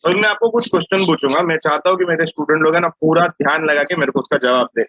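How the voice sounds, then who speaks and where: A man's voice: fairly high pitch, fast, fairly bright tone, dull audio. A male commerce teacher with a Mumbai Hindi accent, lecturing a class, acting out a story, mixing in English and putting questions to his students.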